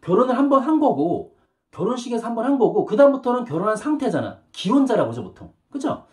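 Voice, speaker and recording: A man teaching a beginner English lesson, chatty and lively, saying model phrases slowly for learners to repeat and often checking in with quick questions. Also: very high voice.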